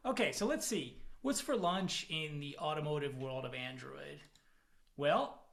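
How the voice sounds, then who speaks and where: A man presents as a product manager at a technical conference, joining by video call from home in the evening. He is relaxed and self-deprecating, with plenty of fillers, in a slightly high, creaky voice.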